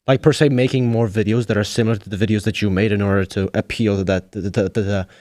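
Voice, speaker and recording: A man's voice: lowish voice, steady tone, fast, a little mellow, no echo, clean studio sound. A man hosting a casual podcast, asking long questions while searching for words. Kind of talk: casual interview chat.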